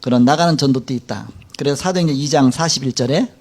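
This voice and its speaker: A man's voice: medium pitch, fast talker, a little mellow. A middle-aged man preaching a sermon in a church. He speaks colloquially and animatedly, acting out quotes. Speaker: pastor. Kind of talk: sermon lecture.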